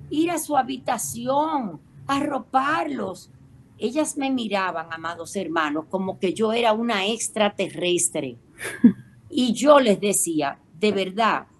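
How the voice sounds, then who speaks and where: Middle-aged woman, radio co-host, unhurried and emotive storyteller who acts out the voices of others. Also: mid-range voice. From Caribbean.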